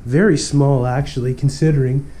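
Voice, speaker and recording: Speaking in a warm, steady, mid-range voice at a normal speed, this young vlogger wanders through a deserted mansion with a stuffy cold. He keeps things upbeat, chatting with his audience and addressing them as "guys" as he explores.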